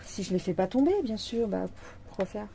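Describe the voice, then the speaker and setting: A woman's voice: mid-range voice, a little fast, vocal fry, mellow. A tired woman chatting to viewers while showing a cross-stitch kit at home, laughing often. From France. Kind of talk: casual chat unboxing a craft kit.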